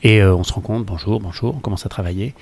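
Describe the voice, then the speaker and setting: A man from the opera world telling anecdotes in a relaxed chat, laughing now and then. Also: lowish voice, very fast. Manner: anecdotal storyteller, laughs between points. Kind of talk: casual conversation.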